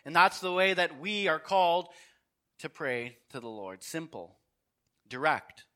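A man preaching a sermon, telling a Bible story with lively acted-out dialogue. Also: on the high side, unhurried. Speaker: pastor.

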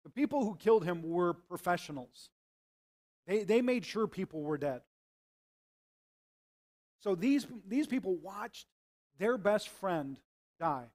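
A man's voice: sits high, expressive, takes it slowly, pauses often, a little mellow. A man serving as pastor, praying and preaching a sermon in an earnest, conversational way. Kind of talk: sermon with prayer and scripture reading.

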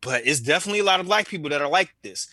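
Bright, earnest man with dry sound. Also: fairly high pitch, lively intonation, no echo. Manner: earnest, halting with many restarts. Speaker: podcast host. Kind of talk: round table discussion.

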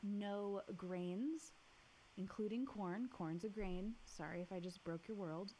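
A woman's voice: mid-range voice, slow pace, dark tone, low-quality recording. Woman, young adult, podcast co-host, casual chat, upbeat, laughs often, faint hiss.

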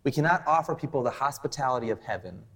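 A man's voice: medium pitch, fast talker, creaky. Man preaching a conversational sermon. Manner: conversational, animated storytelling with voiced asides. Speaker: pastor. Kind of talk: sermon with personal stories.

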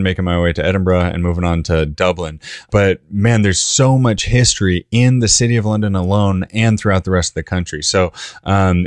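A man's voice: fairly low pitch, no room sound, clean studio sound. A man hosting a travel podcast, talking with eager enthusiasm and frequent uhs and ums as he interviews a guest. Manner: enthusiastic, fillers like uh and um. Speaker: podcast host.

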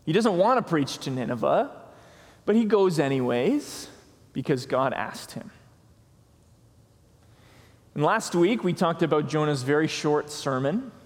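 A man delivers a sermon from the pulpit, taking his time and leaning on each key word. His voice sits a little high for a man. Long reverb from the church hall trails after his words. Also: lively intonation. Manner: slow, deliberate preaching with emphatic pauses. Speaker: pastor. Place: church sanctuary.

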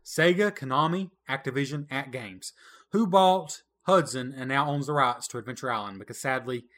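A man with a medium-pitched, slightly bright voice co-hosts a laid-back retro gaming podcast at a moderate pace. He runs a trivia quiz with playful teasing and frequent laughter.

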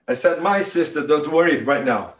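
A male pastor with a Brazilian Portuguese accent preaches in a high, ringing voice. He talks straight to the congregation and drives his points home, sometimes building to impassioned shouts. The sound is roomy, like a church hall. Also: expressive, moderate pace. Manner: emphatic, building to impassioned shouts, direct address to listeners. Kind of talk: sermon.

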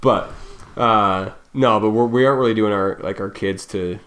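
A man's voice: on the low side, normal speed, a bit bright. A man in his thirties co-hosting a podcast, talking loosely and musing, often trailing off and restarting. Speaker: podcast co-host. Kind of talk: casual chat.

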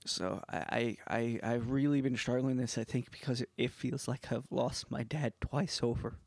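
A man hosts a podcast in a casual, unscripted way. He speaks haltingly in a mid-range voice, circling back over his words, and the sound is very dry and close. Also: mid-range voice, fairly even intonation, vocal fry, darkish tone, no echo. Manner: halting, repeats words as he goes. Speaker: podcast host.

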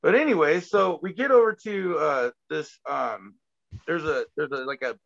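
Animated, swearing man telling road stories. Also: on the high side, normal speed, creaky, no echo, muffled recording. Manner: animated, profane, laughing storyteller. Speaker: guest, former wrestler. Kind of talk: casual storytelling.

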